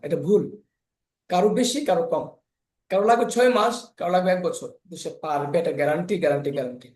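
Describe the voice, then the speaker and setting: A man's voice: high voice, a little mellow, reverberant. A man teaching an online spoken English class, lecturing in an encouraging, repetitive way with many examples. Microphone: video call.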